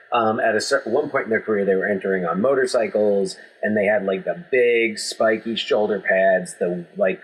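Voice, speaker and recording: A man's voice: on the low side, breathy edge, low-quality recording. A man co-hosting a podcast, talking in a rambling, joking way with many restarts and fillers. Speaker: podcast co-host. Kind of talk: casual chat.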